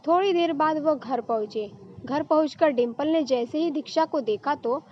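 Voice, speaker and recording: A woman narrating a story in a steady, plain telling style. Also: high voice, moderate pace, dull audio, a little hiss or hum.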